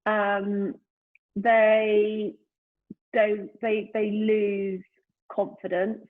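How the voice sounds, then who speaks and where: Very slow and level in tone, a mid-range female voice belongs to a brand founder in her fifties, a guest in a casual, reflective interview. She speaks thoughtfully, repeatedly hunting for words with "you know," over a tinny, phone-like remote line recorded during lockdown.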